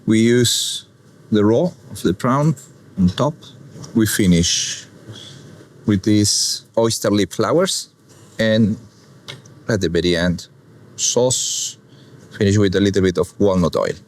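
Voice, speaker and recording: A man from Argentina with an Argentine Spanish accent, walking through a dish step by step in unhurried, plain English. His voice sits a little low, and he explains each part of the recipe in a calm, patient way. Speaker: chef. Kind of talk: cooking demonstration with commentary.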